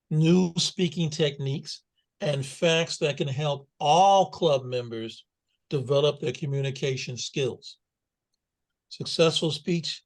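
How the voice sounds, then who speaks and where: Man reading a formal introduction. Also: medium pitch. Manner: slow, measured reading. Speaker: meeting host.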